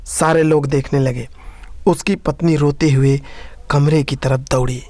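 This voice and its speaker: A man tells a moral story in scripted narration, at a steady storytelling pace. His voice is a little high for a man, and the recording is dry and close. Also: measured pace, dry recording.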